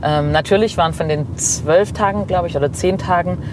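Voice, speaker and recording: A woman's voice: fairly low pitch, noisy background. A woman from Swabia, a travel blogger telling stories in a casual interview with lots of fillers. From Swabia, Germany. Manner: lively storytelling, many fillers and quick agreement. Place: passenger seat of a moving car.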